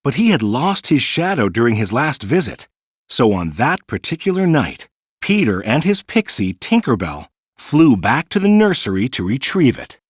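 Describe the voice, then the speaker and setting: This is a man's expressive read-aloud of a children's story, delivered at a moderate, clearly measured pace for young listeners. His mid-pitched voice swings widely in lively intonation, captured in a dry recording.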